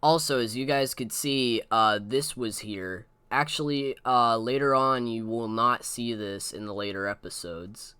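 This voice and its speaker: A man's voice: medium pitch, a little slow, hardly any pauses, bright, forceful tone, clear, resonant tone, soft background music. A young man hosting a casual re-watch commentary, rambling through asides and fillers into a close mic. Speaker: host.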